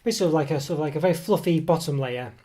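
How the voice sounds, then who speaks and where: A food reviewer with a cold, his voice coming and going, reviews a snack at an indoor table, caught on a table camera mic. His casual review rambles and hesitates, full of fillers and self-corrections. He speaks rapid-fire in a fairly high, mellow voice.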